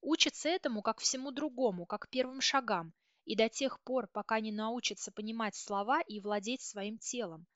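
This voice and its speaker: A woman narrating a first-person story as an audiobook reader, steady and dramatic. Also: on the high side, normal speed, dry recording. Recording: dull, dry audiobook recording.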